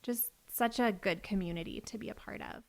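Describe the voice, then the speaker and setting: In her thirties, this podcast host and business coach chats casually with a guest, her medium-pitched, creaky voice moving fairly quickly. She's talkative and leans heavily on "like" as a filler.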